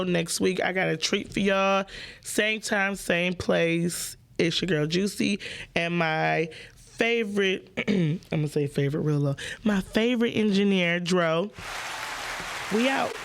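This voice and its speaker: A woman's voice: lowish voice, measured pace, gravelly. A young woman hosting a casual call-in podcast, talking bluntly and playfully with plenty of profanity, straight to her listeners. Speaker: podcast host.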